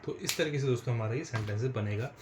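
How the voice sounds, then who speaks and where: A man teaching a spoken English lesson, explaining patiently and repeating phrases slowly for his viewers. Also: mid-range voice, roomy sound, noisy background. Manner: slow, repetitive explaining, addresses viewers as friends.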